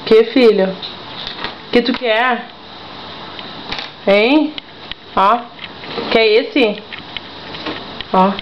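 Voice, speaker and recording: A woman's voice: a little high, very slow, pauses often. A young mother talking baby talk to her toddler, coaxing and repeating herself in a sing-song way. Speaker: mother feeding her child. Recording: dull lo-fi home video with faint noise.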